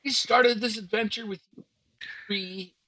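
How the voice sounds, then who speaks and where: A man acting as game master, recapping a tabletop adventure with relaxed, filler-heavy banter. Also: sits high, a little slow, no echo, low-quality recording.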